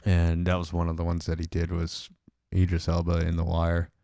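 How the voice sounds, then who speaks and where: A man's voice: sits low, monotone, normal speed, dark tone, no room sound, clean studio sound. A young man co-hosting a podcast in casual chat, hesitant with lots of fillers and restarts. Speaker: podcast co-host.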